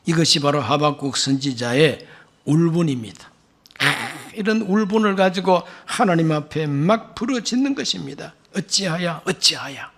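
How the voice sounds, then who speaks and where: A man's voice: a little high, lively intonation, moderate pace, a bit bright. A man preaching a Sunday sermon as pastor, reading scripture and pressing rhetorical questions with emphasis. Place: church sanctuary.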